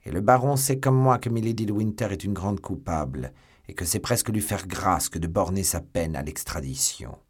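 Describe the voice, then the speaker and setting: A man's voice: deep voice, moderate pace, breathy edge. A man voicing a proud, haughty English duke in a French audiobook.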